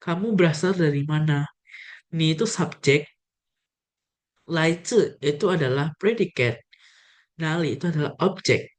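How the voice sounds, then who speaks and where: Young woman, slightly low voice; casual language teacher addressing viewers directly. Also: measured pace, long pauses, a little mellow. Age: young adult. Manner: friendly, addresses viewers directly, demonstrates tones. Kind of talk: casual video lesson.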